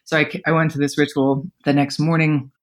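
Low-pitched and level in tone, a woman in her thirties speaks briskly as a podcast guest. She tells personal stories in a casual interview, filling it with fillers and frequent laughter.

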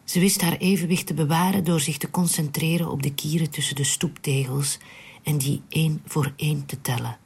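Gravelly whispered storyteller. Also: mid-range voice, steady tone, fairly quick. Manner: hushed, breathy, unvoiced whisper. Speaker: narrator.

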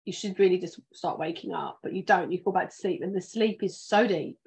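A woman's voice: lowish voice, fairly quick, a little mellow, low-quality recording. A woman with a southern English accent hosting a podcast, chatting loosely with many ums and restarts, a little sleepy. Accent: British, southern English. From England. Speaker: podcast host, financial planner. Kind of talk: casual livestream chat.

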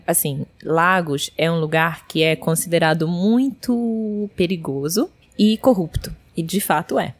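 A young adult Brazilian woman with a Brazilian Portuguese accent, a guest telling an animated story and acting out the voices of the people in it. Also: fairly low pitch. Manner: expressive, acts out voices in her stories.

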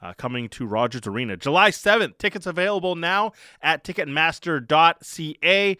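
A man hosting sports radio, reading a ticket giveaway contest promo in an animated, punchy announcing manner. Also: a little high, normal speed, clean tone, dry recording, studio quality.

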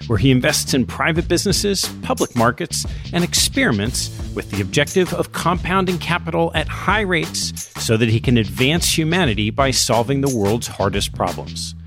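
Man, podcast host, lively pitch, gravelly edge, music underneath. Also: normal speed, hardly any pauses. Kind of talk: scripted podcast intro and interview.

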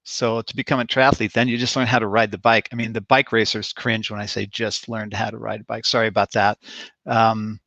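A man's voice: on the low side, flat delivery, a little fast, pushed and bright, no echo, highs cut off. Man telling coaching stories, dry sound. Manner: storytelling, casual with fillers and restarts. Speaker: sports performance coach. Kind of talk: conversational interview answer.

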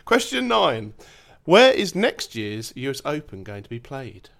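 A man's voice: mid-range voice, huge pitch swings, measured pace, gravelly, fairly bright tone. A man with an Essex accent, chatting casually and jokily as he hosts a podcast quiz. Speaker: quiz host.

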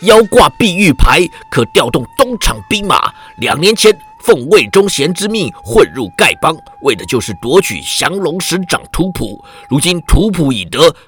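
A man's voice: on the high side, very animated, normal speed, few pauses, fairly bright tone, slightly rough, faint music behind, heavily acted. A man voicing a fierce, defiant captive Jurchen warrior who speaks with a cold, mocking sneer in a wuxia story. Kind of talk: wuxia audiobook character voice.

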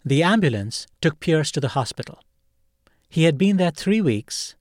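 A man narrating a scripted segment in an even, composed way. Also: fairly high pitch, normal speed, no echo. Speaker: host narrator.

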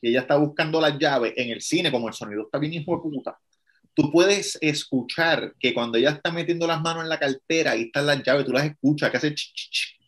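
A man's voice: fairly high pitch, a little fast, a bit bright. A man co-hosting a podcast, chatting and cursing casually. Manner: profane, chatty recounting. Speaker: podcast co-host. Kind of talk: casual chat.

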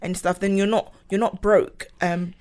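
A woman's voice: medium pitch, little pitch movement, normal speed, a little mellow. Woman, casual chat, earnest, advising, mid-range voice, lots of fillers.

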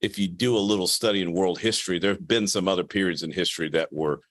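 A man from Louisiana, a guest pastor with a deep radio voice, talking casually and self-deprecatingly on a podcast, with halting restarts. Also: fairly even intonation, a bit bright, dry recording, studio quality.

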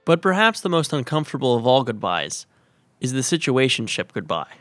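A man's voice: mid-range voice, very animated, brisk, a bit bright, no room sound, faint music behind. Dry-witted male podcast host. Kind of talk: scripted podcast narration.

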